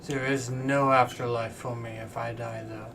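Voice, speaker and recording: A man voicing a blinded, imprisoned ancient angel in a tabletop role-play, speaking in slow, formal pronouncements. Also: medium pitch, level tone, close to an everyday voice. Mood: grave, solemn. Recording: room recording with faint background noise.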